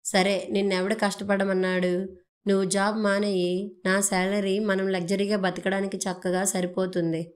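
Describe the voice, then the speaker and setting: Woman reading a sharp-tongued, irritable young husband for an audio story. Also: medium pitch, little pitch movement, normal speed, close to an everyday voice. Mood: irritated. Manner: sharp, reproachful delivery.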